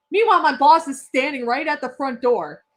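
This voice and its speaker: A young woman telling a story in casual podcast chat, animated and profane, laughing often. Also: high voice. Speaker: podcast co-host.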